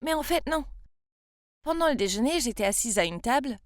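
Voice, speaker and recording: A woman's voice: high voice, animated, brisk, no echo, studio quality. A woman in her twenties from France, narrating her own story in the first person with a confiding, emotional manner. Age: 20s.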